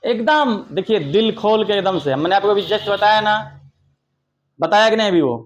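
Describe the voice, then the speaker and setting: Young male tutor, high voice, warm coaxing classroom manner with loud praise. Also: lively intonation, moderate pace, slight background noise. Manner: affectionate, coaxing, calls pupils "babu", praises loudly. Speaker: English teacher. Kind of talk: online classroom lesson for children.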